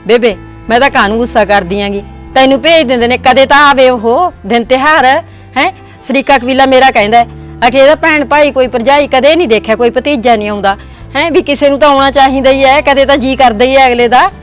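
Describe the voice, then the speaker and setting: A woman's voice: high voice, faint music behind, natural voice. A woman playing a caring married daughter with a Punjabi accent, talking with her old mother. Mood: earnest. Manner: quick, pleading. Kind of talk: village drama acting.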